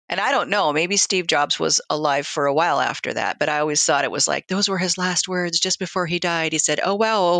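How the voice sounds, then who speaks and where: Woman, bright tone, dry close sound, hospice nurse, reflective conversational storytelling, quoted exchanges. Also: lowish voice, vocal fry, dry recording. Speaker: hospice nurse, interview guest.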